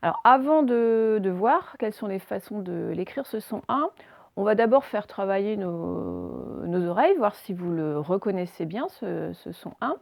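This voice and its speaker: Primary teacher, woman, gravelly tone, dry close sound, patient and deliberate with young learners. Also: mid-range voice, very animated, darkish tone, no room sound. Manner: slow, carefully articulated words for dictation. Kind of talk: remote phonics lesson for young children.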